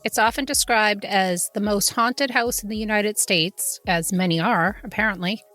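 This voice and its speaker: A woman hosts a podcast, sharing history and ghost lore from her notes in a semi-scripted, conversational style with casual asides as she tells true haunting stories. Her voice is medium-pitched and slightly bright, her pace normal, with soft music playing in the background.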